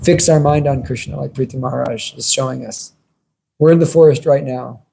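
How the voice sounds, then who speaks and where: A man's voice: medium pitch, steady tone, a little fast, gravelly, background noise. A man giving an informal devotional sermon as a religious teacher, conversational and earnest in his delivery.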